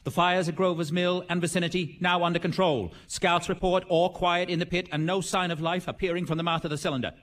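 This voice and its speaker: A man's voice: high voice, fairly even intonation, a little fast, hardly any pauses, fairly bright tone. An actor playing a businesslike American radio newsman reading bulletins in a clipped, official 1930s old newsreel manner. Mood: businesslike, urgent.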